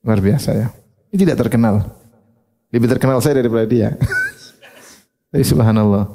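A man giving a humorous, animated sermon, acting out short quotes. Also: mid-range voice, moderate pace. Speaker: Islamic preacher.

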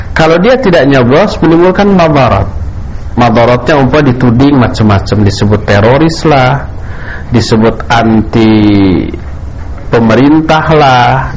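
A man preaching in a didactic lecture style, using rhetorical questions and emphatic repetition. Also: medium pitch. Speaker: Islamic preacher answering questions. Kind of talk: religious lecture, explanatory preaching. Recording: clearly noisy background, room ambience.

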